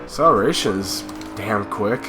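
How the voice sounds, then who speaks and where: With music in the background, a young gaming channel host who's congested from a cold talks casually over a racing game, rambling with fillers in a relaxed manner. He sounds expressive, on the low side, at normal speed.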